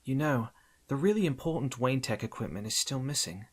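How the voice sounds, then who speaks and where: A man's voice: mid-range voice, voice pushed up, close to an everyday voice. A man voicing Batgirl, a bold young female crimefighter, in an audiobook reading, eager and teasing. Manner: quick, excited and teasing. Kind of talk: audiobook character voice.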